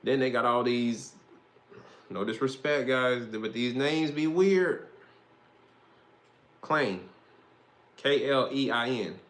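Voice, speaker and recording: A man's voice: mid-range voice, slow pace, pauses often, a bit bright. A young man, hosting a casual, rambling football monologue with slang and swearing. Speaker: host.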